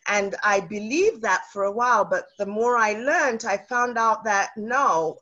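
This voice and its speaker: This South African real estate investor, appearing as an interview guest, has a medium-pitched, sharp-toned voice and a measured pace. The casual conversation is peppered with fillers and restarts, and the sound is lo-fi.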